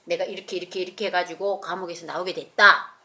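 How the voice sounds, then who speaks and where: A woman voicing the apostle Peter in a children's Bible story, speaking low, slow and hushed. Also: fairly even intonation. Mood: hushed solemn. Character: Peter, calm bearded apostle, man.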